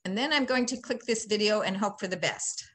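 A woman's voice: medium pitch, a little fast, fairly bright tone. A woman in her sixties, a beekeeper giving a webinar presentation over a video call from home, chatty and folksy, with many ums. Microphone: laptop webcam mic on a video call.

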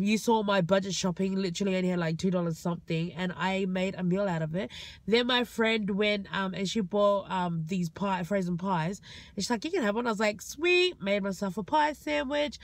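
A young adult woman, vlogging in a parked car, telling anecdotes in a casual, animated way and acting out quotes. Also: mid-range voice, no room sound. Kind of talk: casual vlog storytelling. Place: inside a parked car at night. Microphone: phone at arm's length.

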